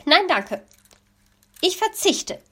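A woman voicing a nosy, easily outraged female magpie in a children's story, with shrill, dramatic complaining. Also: sing-song, unhurried, a bit bright, heavily acted. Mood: shrill, indignant. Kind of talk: storybook reading.

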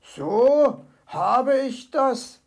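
Storybook fox, male, greedy and sorry for himself, slow rasping voice, read by a woman. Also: sits high, lively intonation, pitched above the performer's own voice, heavily acted. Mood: sheepish. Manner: sheepish, whiny. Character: greedy sheepish male fox with a stomach ache.

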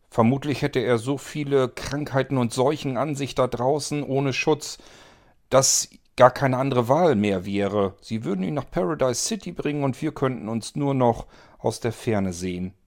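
A man's voice: mid-range voice, moderate pace, darkish tone, pitched above the performer's own voice, close to an everyday voice. A man reading an audiobook, voicing an anxious young man who urgently pleads with his friend.

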